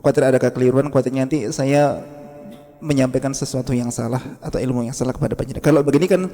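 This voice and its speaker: Brief: male teacher, mellow tone, patient drills, long echoing reverb of a mosque hall. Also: mid-range voice, steady tone, faint music behind. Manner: patient, demonstrates sounds slowly and quizzes the class. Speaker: Quran recitation teacher. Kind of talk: classroom lesson with drills.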